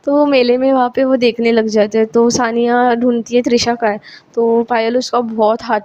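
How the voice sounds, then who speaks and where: A woman's voice: on the high side, level tone, normal speed, a little mellow, dull audio. A woman narrating a romance story in a casual, chatty way that often repeats itself.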